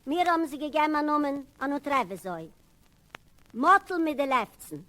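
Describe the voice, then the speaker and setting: A woman's voice: high voice, normal speed. A woman stage performer playing a cheeky, plaintive orphan boy in a Yiddish stage monologue with sung refrains, from a 1978 concert record. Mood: whining. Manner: lively storytelling with sung refrains.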